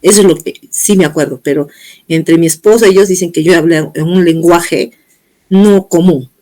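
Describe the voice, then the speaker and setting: A woman's voice: lowish voice, normal speed, darkish tone. A middle-aged woman gives a personal testimony in an interview. She talks earnestly and steadily, slipping into the words of the people she quotes as she goes. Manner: earnest storytelling, acting out others' words in quotes.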